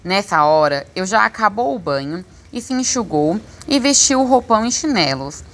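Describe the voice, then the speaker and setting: A woman reading a children's book aloud as an audiobook narrator, expressive and lively. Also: medium pitch, moderate pace. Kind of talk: storybook reading.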